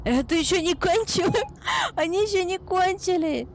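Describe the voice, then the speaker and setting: A young woman chatting casually on a gaming stream in a cute anime-streamer manner, excitable and playful, full of exclamations. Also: very high voice, moderate pace. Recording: clear background noise on stream mic.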